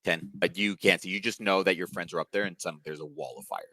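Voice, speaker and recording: A man acting as game master in a tabletop game, narrating over an online call in a relaxed way with many fillers. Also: low voice, fast, dry recording.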